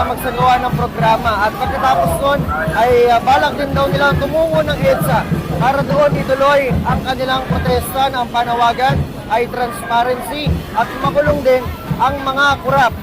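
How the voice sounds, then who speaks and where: A male Filipino field reporter with a very high-pitched voice delivers a live news report. He is out on a city street, with loud music and a noisy crowd all around him. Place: outdoors on a busy city street. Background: loud music, crowd, street traffic.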